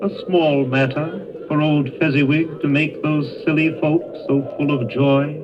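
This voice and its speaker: An actor playing a solemn, commanding ghost in 1930s radio drama style, speaking formally and putting measured, stern questions. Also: male voice, a little high, steady tone, over music, lightly acted. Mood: calm probing. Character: solemn, commanding male ghost spirit, calm and probing. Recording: noisy, dull vintage radio broadcast.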